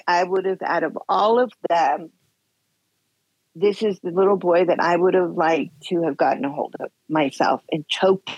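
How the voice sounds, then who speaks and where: A woman's voice: lowish voice, darkish tone, husky, dry recording. A middle-aged woman telling her own story as a podcast guest, blunt and candid, acting out what people said. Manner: blunt, retells scenes with quoted dialogue. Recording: dull lo-fi sound.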